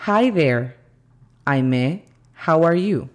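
Woman English teacher, deep and unhurried, methodical phonetic drills. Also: animated. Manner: slow, careful, spells out sounds letter by letter. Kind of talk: language lesson.

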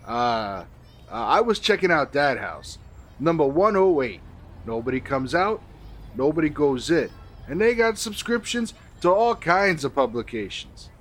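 Lively 1930s beat cop, New flatfoot. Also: male voice, a little high, measured pace, full character voice. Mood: puzzled. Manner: old-time beat cop slang. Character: flirty, dim 1950s New York working-stiff flatfoot assistant. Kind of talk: period radio comedy acting.

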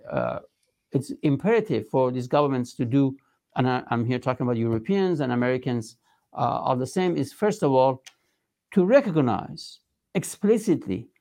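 A man with a Persian accent giving an interview as a political spokesman, speaking emphatically and formally, with halting phrasing. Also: mid-range voice, darkish tone. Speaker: resistance movement spokesman being interviewed.

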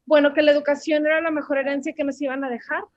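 This Mexican Spanish–accented woman in her twenties is a language teacher answering casual interview questions about her story, full of fillers. Her high-pitched voice shows little pitch movement and she speaks fast. The recording is muffled, with no room sound.

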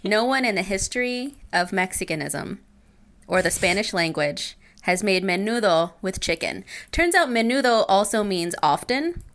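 A woman comedian, a guest on a podcast, telling jokey stories in a casual, animated way. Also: medium pitch, normal speed. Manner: joking, animated storyteller.

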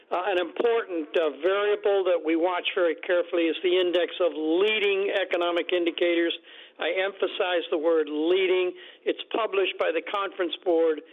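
A man speaking as an economist guest in a radio interview, deliberate, with many fillers and restarts. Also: high voice. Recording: tinny phone line.

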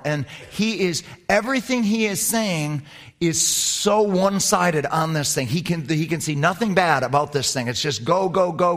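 A pastor tells a personal story from the pulpit in a storytelling sermon, animated and swinging between loud emphasis and hushed low tones.

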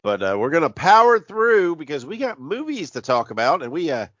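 A man with a stuffy, congested voice that sounds like he is inside a box, chatting casually and haltingly as a podcast host while sick. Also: fairly high pitch, big pitch swings, a bit bright, no room sound, dull audio. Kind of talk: casual horror movie review podcast chat.

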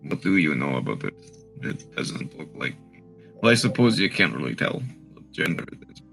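Very deep gravelly man. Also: big pitch swings, moderate pace, fairly bright tone, soft background music. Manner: polite, curious questioning. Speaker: player. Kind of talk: tabletop game play.

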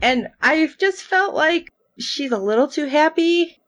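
A woman's voice: high-pitched, lively intonation, measured pace. A woman co-hosting a podcast, recapping a TV episode in casual chat and acting out her own reactions. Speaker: podcast co-host.

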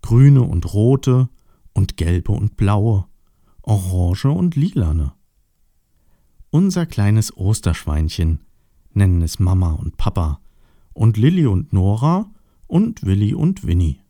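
A man reads a children's story aloud in a gentle, expressive way. His low, mellow voice moves freely up and down at an unhurried pace, and the sound is close and dry. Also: no room sound.

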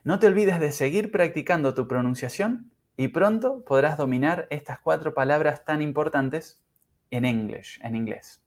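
A man teaching English pronunciation in a podcast lesson, speaking carefully and demonstrating sounds slowly. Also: a little high. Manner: slow, careful, exaggerated pronunciation drills.

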